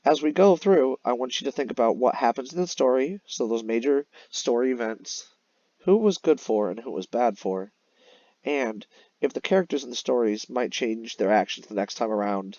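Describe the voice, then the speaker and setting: A male elementary teacher does a voice-over for a screen-recorded slide lesson, explaining it to young children in a lively, varied voice of medium pitch at normal speed. He guides them instructively, as if leading a class read-aloud. The recording is dry and somewhat dull.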